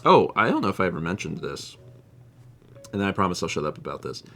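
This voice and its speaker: A man's voice: low-pitched, huge pitch swings, fast talker, bright, forceful tone. A man hosting a casual livestream, rambling and repeating himself as he muses and reads out viewer comments. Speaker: livestream host.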